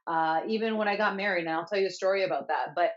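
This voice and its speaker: A woman's voice: lowish voice, fast, highs cut off. A woman co-hosting a casual chat show from Canada, chatty and often correcting herself. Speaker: co-host.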